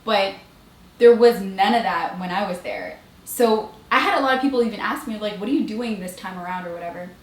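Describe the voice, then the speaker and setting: A young woman telling funny travel stories in a casual vlog, animated and laughing often as she acts out the people she quotes. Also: medium pitch, a little fast. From Eritrean family abroad. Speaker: beauty vlogger. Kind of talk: casual storytelling while doing makeup. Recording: echoey room.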